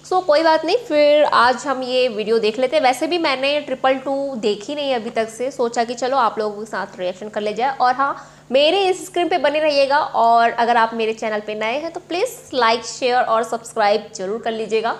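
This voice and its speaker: A woman's voice: a little high, moderate pace. A woman hosting her own reaction channel, opening the video in a chatty, upbeat way. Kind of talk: vlog intro.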